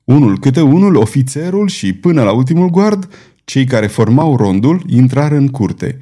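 A male narrator delivers an audiobook in a theatrical, storytelling manner. His pitch swings widely and lively through each sentence. The tone stays warm and mellow. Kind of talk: dramatic audiobook reading.

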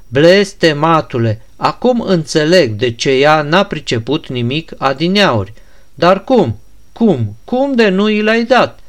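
A man voicing a loud, furious young man. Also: a little high, voice pushed up. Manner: shouting, insulting, demanding.

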